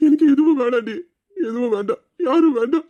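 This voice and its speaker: A man's voice: high voice, brisk, phone-quality sound. A man playing a remorseful husband who sobs and pleads with his devoted wife in an audio drama, his voice breaking between laughter and tears. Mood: sobbing.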